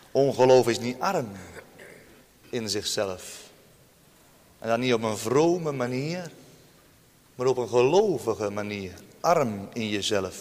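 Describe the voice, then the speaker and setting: A man preaching a sermon to his congregation, emphatic, with sharp swings in pitch and loudness. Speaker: pastor. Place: church. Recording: long church reverb.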